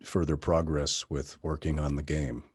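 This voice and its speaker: A middle-aged man talking casually as an interview guest, pausing often with fillers and restarts. His voice is low and husky. The sound is dry and close. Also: no echo. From Tucson, Arizona area. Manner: relaxed, hesitant, many fillers and restarts. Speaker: voice actor guest.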